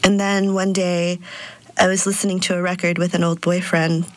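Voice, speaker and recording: This woman in her thirties, a sound artist and DJ born in Peru and raised in Texas, answers interview questions reflectively and with plenty of fillers. Her voice is fairly low, her delivery flat, her speed normal.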